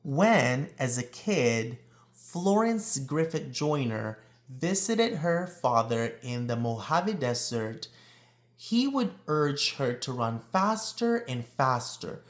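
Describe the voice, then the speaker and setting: A man with a medium-pitched voice reads a children's picture book aloud, using a deliberate, expressive storytelling style and stretching out words for emphasis.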